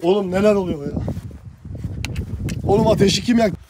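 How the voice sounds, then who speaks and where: At night in an abandoned village, a young treasure-hunting vlogger on a ghost hunt sounds frightened, pleading and muttering prayers under his breath. His voice is high-pitched at normal speed, with a noisy background.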